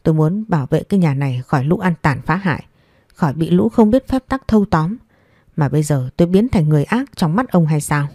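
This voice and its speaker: A woman's voice: deep voice, animated, fairly quick, dark tone, husky, no echo, studio quality. A woman voicing a stingy old mother-in-law who nags and scolds harshly. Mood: wailing. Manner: harsh, nagging, contemptuous.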